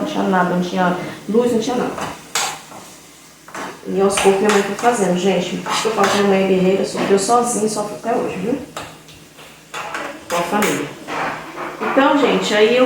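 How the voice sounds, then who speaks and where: A woman's voice: mid-range voice, heavy background noise. A woman, a vlogger chatting casually to her viewers and telling a personal story. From Brazil. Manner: chatty, keeps addressing viewers as "gente". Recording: very echoey room, far from mic, loud kitchen clatter.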